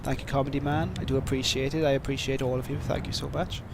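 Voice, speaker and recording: A Welsh streamer with a heavy accent reads and answers viewer questions on a livestream, rambling casually, running himself down and using lots of fillers. His mid-range voice is gravelly and flat, he talks fast, and the recording is very noisy.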